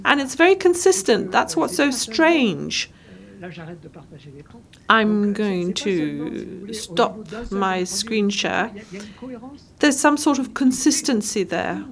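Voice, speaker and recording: Woman interpreting a lecture phrase by phrase. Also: mid-range voice. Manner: halting, phrase by phrase, self-correcting. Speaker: simultaneous interpreter.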